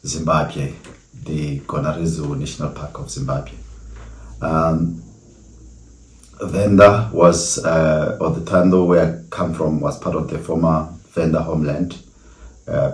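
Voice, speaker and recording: A middle-aged South African man hosting a solo podcast, telling his story in an earnest, reflective way with many pauses. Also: rumbling low, fairly even intonation, a little hiss or hum. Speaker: podcast host. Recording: echoey room.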